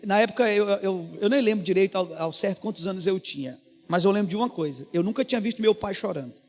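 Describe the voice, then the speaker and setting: Brazilian guy preaching in a church, pretty high voice, telling a story all earnest, big echoey room w faint music. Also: fast, a little mellow. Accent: Brazilian Portuguese. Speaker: pastor. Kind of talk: sermon storytelling. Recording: reverberant church hall with music behind.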